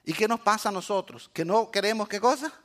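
A man from Cuba, preaching a sermon as an animated storyteller who acts out voices and keeps checking in with the congregation. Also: high-pitched, a little fast. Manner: animated storyteller, acts out quotes, asks "eh?" often. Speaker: pastor.

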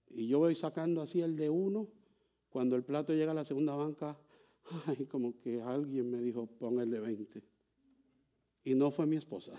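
A male pastor delivers a sermon with animated storytelling, acting out the voices in his anecdotes. His voice sits a little high for a man and has a mellow, warm tone. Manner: animated storytelling, acts out dialogue, laughs.

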